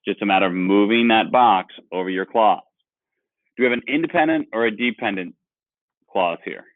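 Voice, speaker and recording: A man's voice: fairly low pitch, moderate pace, dry recording. A male teacher leading an online grammar lesson, explaining patiently and asking the class questions. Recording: dry, phone-like sound.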